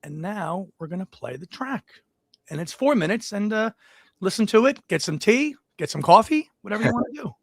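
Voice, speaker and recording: High-pitched, creaky-voiced male host. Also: big pitch swings, a little fast, no room sound. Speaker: interview host. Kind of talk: casual interview chat.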